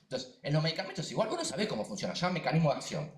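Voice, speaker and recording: Fast, animated Rioplatense man lecturing. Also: a little high, reverberant. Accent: Rioplatense Spanish. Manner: emphatic, animated, quick, with many asides and repetitions. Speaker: neuroscientist and science communicator giving a talk. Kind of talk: lively seminar talk. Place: lecture room.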